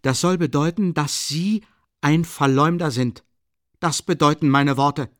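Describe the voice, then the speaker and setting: Brief: a man voicing a high, shrill young zealot, vehement and wildly lively, dry close audiobook sound. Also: moderate pace, no echo. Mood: indignant. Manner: shrill, vehement, repeating himself. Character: young earnest indignant male idealist.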